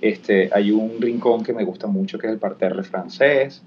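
A man's voice: fairly low pitch, normal speed. A man, a guest talking casually and reflectively, with many "eh" and "este" fillers. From Venezuela. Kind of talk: casual conversation. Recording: dull lo-fi sound with faint background noise.

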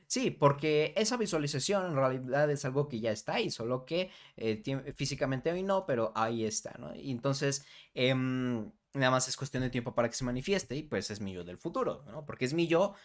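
A man's voice: mid-range voice, lively intonation, normal speed, hardly any pauses. A young adult man, hosting a motivational podcast in a conversational way, often checking in with "¿vale?" and guiding the listener through affirmations. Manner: warm conversational, frequent "¿vale?" and "¿no?" tags. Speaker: podcast host.

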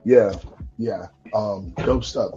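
Husky young man hosting a casual chat. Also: lowish voice, slow. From North Carolina. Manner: relaxed, many restarts and fillers, enthusiastic. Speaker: podcast host. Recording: lo-fi live stream audio with faint music.

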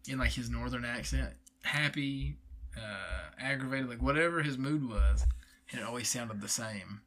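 A man's voice: medium pitch, moderate pace, fairly bright tone. A young man in casual chat, rambling and swearing freely, with lots of filler words.

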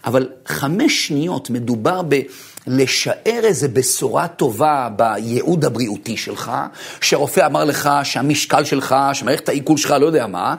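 A man, a rabbi, giving an animated lecture full of stories, swinging from low murmurs to high bursts and laughing as he tells them. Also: gravelly, husky. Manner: laughs while telling stories.

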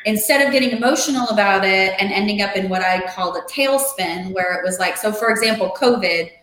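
A middle-aged woman talking casually as a podcast guest, animated, acting out the voices she quotes. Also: mid-range voice, a little fast, reverberant, poor audio. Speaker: podcast guest, real estate investor and coach. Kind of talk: casual interview chat.

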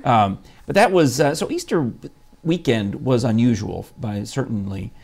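A man's voice: mid-range voice, expressive, unhurried, vocal fry, darkish tone. A man hosting a casual morning chat show, talking in a rambling, chatty way with lots of fillers and restarts. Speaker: show host.

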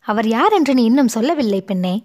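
A woman's voice: on the high side, lively intonation, a little fast. A woman doing a composed royal princess. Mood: calm. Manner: firm yet gently soothing. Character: composed royal princess, elder-sister manner.

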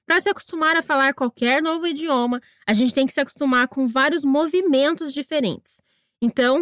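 Female English teacher, high voice, dry close mic, patient drills. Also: a bit bright, dry recording. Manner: encouraging, slow deliberate pronunciation drills. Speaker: English teacher and podcast host. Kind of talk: scripted language lesson narration.

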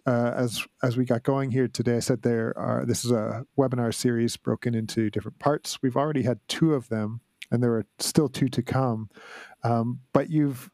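Podcast host guy, warm low-key voice, dry close sound. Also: dry recording. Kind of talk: interview questions.

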